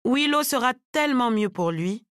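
A woman voicing a brisk middle-aged aunt who talks in a matter-of-fact, clipped way. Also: on the high side, animated, a bit bright, smooth, dry recording, clean studio sound.

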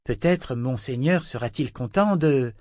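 A man's voice: medium pitch, lively intonation, measured pace, a little mellow, no room sound, studio quality, lightly acted. A man reading the lines of a wary young woman who forces herself to stay polite. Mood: coaxing.

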